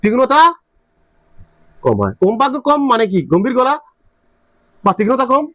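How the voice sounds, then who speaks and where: A man's voice: extremely high pitch, sing-song, normal speed, a bit bright, no room sound. A man teaching a physics class, repeating his questions to the students and checking often that they follow. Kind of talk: classroom lecture.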